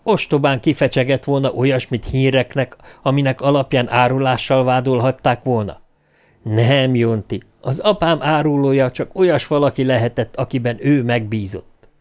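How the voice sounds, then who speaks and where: A man's voice: mid-range voice, a little mellow, natural voice. A man voicing a heated, defiant young man. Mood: heated accusing. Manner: heated, raised voice.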